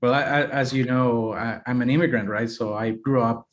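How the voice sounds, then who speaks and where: A man from Honduras hosts a relaxed podcast conversation, pausing often with fillers as he gathers his thoughts. His voice sits at an ordinary middle pitch. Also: dull audio. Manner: hesitant, many fillers. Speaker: podcast host. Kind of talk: casual interview chat.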